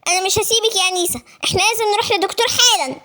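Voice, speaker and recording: A woman's voice: extremely high pitch, rapid-fire, bright, forceful tone. Woman voicing Anas, a protective young boy. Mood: reassuring. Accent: Egyptian. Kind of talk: voiced storytelling.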